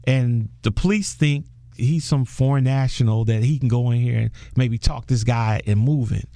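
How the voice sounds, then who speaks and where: A man's voice: mid-range voice, normal speed, dry recording, clean studio sound. A man, a film director guest in a casual interview, telling a story with animation and laughing often. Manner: animated storyteller, acts out quoted voices.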